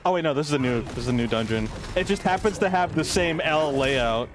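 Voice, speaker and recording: A man's voice: fairly high pitch, animated, a little fast. A man streaming a game, chatting casually and rambling with lots of fillers. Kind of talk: casual gameplay chat.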